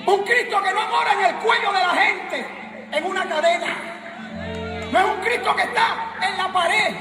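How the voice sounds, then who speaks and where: Middle-aged Puerto Rican male preacher, very high shouted voice, echoey church with music and crowd. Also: moderate pace. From Puerto Rico. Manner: shouting, emphatic, joking with the congregation. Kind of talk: sermon.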